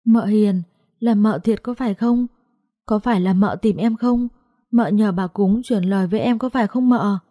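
A woman's voice: mid-range voice, steady tone, moderate pace, dark tone, no room sound, clean studio sound, lightly acted. A woman voicing a frightened young woman who asks trembling, broken questions. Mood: shaken, tearful.

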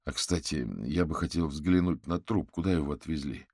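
Male reader as a deep, calm, dry detective sorcerer; unhurried. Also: no echo.

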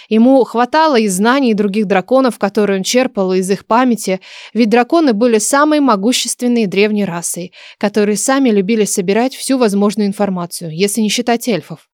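A woman's voice: medium pitch, brisk, a little mellow, no echo, clean studio sound. Woman narrating a fantasy audiobook. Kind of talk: scripted narration.

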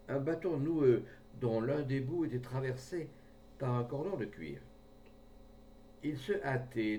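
A man reading a short story aloud in a measured way, recorded from a distance with a faint rumble behind. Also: a little mellow. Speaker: audiobook reader.

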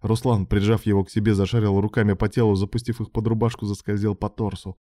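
A man narrating a romance audiobook in an even, measured reading. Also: lowish voice, no room sound, studio quality.

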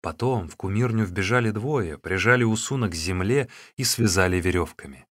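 Male narrator, low voice, steady reading, dry close studio sound. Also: normal speed, dry recording. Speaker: audiobook narrator. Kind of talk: scripted narration.

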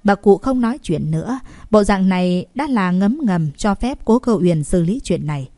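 A woman narrating a novel in an even, steady voice of middle pitch. The reading is calm and measured. The recording is dry and close. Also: no room sound. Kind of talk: audiobook narration.

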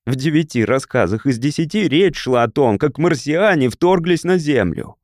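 A man's voice: a little high, animated, normal speed, a little mellow, no room sound, studio quality, pitched above the performer's own voice, natural voice. A man voicing a weary, defiant Martian who refuses to go to war, in a storybook reading. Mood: insistent.

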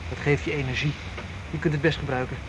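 Playing a confident but tense getaway planner, this man speaks quickly in a fairly high, steady voice that stays close to his everyday tone. His manner is clipped and directive, and the radio drama recording is dull and noisy.

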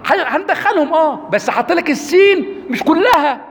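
Animated Egyptian man lecturing in an echoey hall. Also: extremely high pitch, fairly quick. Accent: Egyptian Arabic. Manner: lively, rhetorical questions to the audience. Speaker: lecturer on Quranic rhetoric. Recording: echoey hall, faint background noise.

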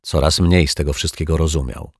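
A man narrating a children's detective story in a steady, unhurried reading. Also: rumbling low, breathy edge, dry recording, clean studio sound. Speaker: audiobook narrator.

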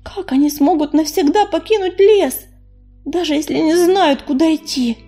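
Woman narrating a storybook, high pitch. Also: normal speed, dark tone, soft background music. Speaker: audiobook narrator. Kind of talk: scripted narration.

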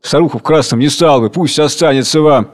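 A hulking young convict answers the court sullenly and defiantly, voiced by a man reading the play aloud. The voice runs a little high for a man. It is from a read-aloud stage play. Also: brisk, natural voice.

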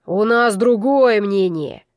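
A woman's voice: a little high, expressive, measured pace, no echo, studio quality. A woman voicing an older male bull warrior who insistently accuses and demands. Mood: accusing.

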